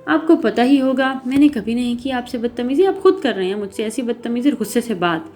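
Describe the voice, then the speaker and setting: A woman's voice: fairly high pitch, lively intonation, darkish tone, pitched above the performer's own voice, lightly acted. A woman voicing a spirited young heroine in a story reading, talking with indignant, emotional force. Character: spirited young woman, proud and quick to anger. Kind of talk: audiobook character reading.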